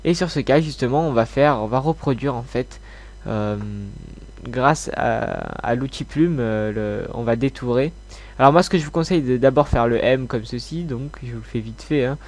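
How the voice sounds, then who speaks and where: A man's voice: mid-range voice, moderate pace, darkish tone. Congested man giving a casual tutorial. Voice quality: congested, blocked-nose sound. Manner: informal, hesitant, mildly sweary. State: slightly ill with a cold. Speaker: tutorial host.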